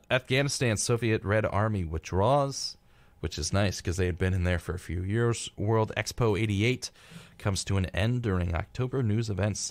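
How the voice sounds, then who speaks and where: In a radio studio, a man co-hosts a casual live show, reading through the rundown and adding flippant, irreverent asides. His voice is on the low side, with no echo.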